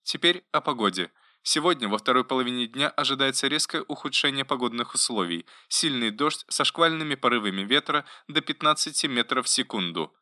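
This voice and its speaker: Gentle caring female robot helper, voiced by a man, bright tone, dry close sound, polite and soft. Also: mid-range voice, lively intonation, fairly quick, few pauses, no echo. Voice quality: pleasant, solicitous voice. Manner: softly attentive, politely informative. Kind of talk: audiobook narration.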